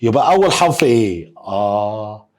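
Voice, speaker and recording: Animated Egyptian man teaching letters. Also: fairly low pitch, moderate pace. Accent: Egyptian Arabic. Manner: playful, coaxing, calls out letters for students to repeat. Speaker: German teacher. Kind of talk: lively classroom lesson.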